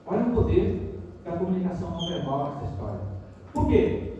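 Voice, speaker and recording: Teaching a university workshop in Brazilian Portuguese, this lecturer often poses rhetorical questions to the audience. His high, warm, sing-song voice runs a little fast, captured from a distance in an echoey auditorium with the highs cut off and slight background noise.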